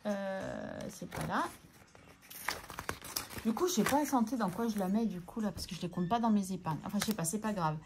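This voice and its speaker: A woman vlogging casually as she sorts her budget, chatting to herself and counting out loud. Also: mid-range voice, lively intonation, normal speed, noisy background. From France. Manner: talks to herself, scolds herself by name, counts aloud. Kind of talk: casual chatty talk to camera while counting money.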